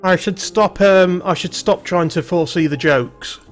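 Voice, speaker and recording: A man's voice: high-pitched, normal speed, soft background music. A man streaming a game, reading the on-screen text aloud and adding wry, jokey asides in a casual let's-play style.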